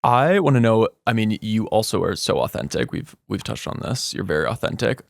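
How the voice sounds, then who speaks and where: A man hosting a podcast, chatting in an animated way, laughing easily and using lots of fillers. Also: lowish voice, a little fast, creaky, a little hiss or hum. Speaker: podcast host. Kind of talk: casual podcast chat.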